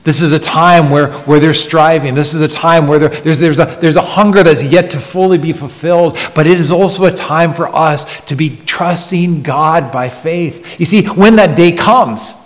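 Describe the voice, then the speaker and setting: A pastor preaches a sermon, earnest and emphatic, swinging between loud stresses and hushed near-whispers and often repeating words as he restarts. His voice is fairly high, at normal speed with hardly any pauses, under long hall reverb.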